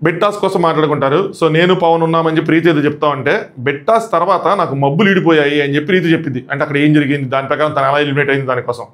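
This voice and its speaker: A man giving live commentary on a reality show, retelling events animatedly and acting out what people said. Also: on the high side. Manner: rapid animated retelling that acts out quotes.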